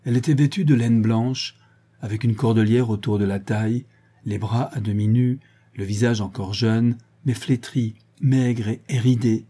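A man narrating a novel in a measured literary reading. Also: medium pitch, fairly even intonation, mellow, husky. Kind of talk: audiobook narration.

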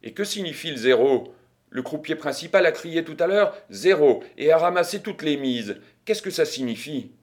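A man voicing a stubborn, excitable old grandmother at a gambling table in an audiobook reading, with a shrill, scolding, insistent manner. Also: normal speed, close to an everyday voice. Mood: curious.

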